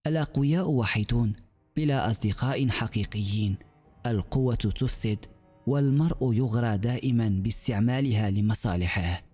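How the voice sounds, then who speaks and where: Gentle young female healer read by a man, earnest, calm, reasoning, mellow tone. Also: mid-range voice, fairly quick, husky, soft background music, natural voice.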